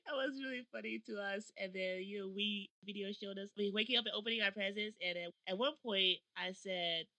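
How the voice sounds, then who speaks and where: A young woman co-hosting a podcast, telling stories in a giggly, animated way. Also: medium pitch, a little fast, dry recording, poor audio. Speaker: podcast co-host. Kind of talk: casual chat. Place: South Korea.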